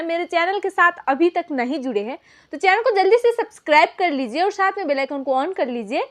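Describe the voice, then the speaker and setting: A woman's voice: sits high, fairly bright tone. A woman teacher explaining a lesson step by step, asking questions and answering them herself. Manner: asks and answers her own questions, repeats key points. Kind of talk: classroom lesson.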